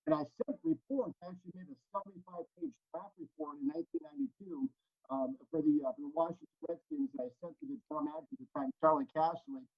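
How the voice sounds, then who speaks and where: A man's voice: high-pitched, wildly swooping pitch, fast talker, vocal fry, breathy edge, no echo. A middle-aged man telling his story in an interview over a laptop microphone, rambling eagerly with many restarts, his volume fading in and out. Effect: uneven volume that fades in and out. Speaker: interview guest. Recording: dull lo-fi laptop audio.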